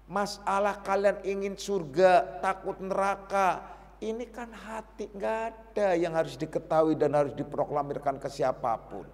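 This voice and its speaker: A male Sufi teacher, giving a casual, teasing sermon that swings between loud and quiet. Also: high voice, big-room sound.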